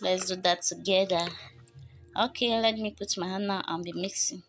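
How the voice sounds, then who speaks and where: Over music, a young woman records a home beauty vlog on her phone camera without a microphone, talking viewers through a casual how-to as she works. She speaks at a normal speed in a mid-range, steady voice, chatty and repetitive, addressing her audience as "guys."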